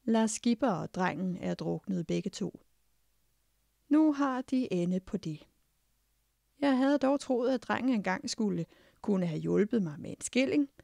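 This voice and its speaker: A woman's voice: mid-range voice, animated, gravelly, warm tone, no room sound, studio quality. A woman voicing a blunt, outspoken ditch-digger's wife in an audiobook. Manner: outspoken, matter-of-fact. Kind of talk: audiobook character voice.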